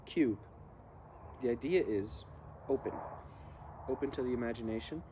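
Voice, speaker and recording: A man reading poems aloud and musing on them in halting short phrases while he smokes a cigar. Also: mid-range voice, warm tone. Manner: smoking a cigar while talking. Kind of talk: slow, musing poetry reading with casual asides. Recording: faint ambient background noise.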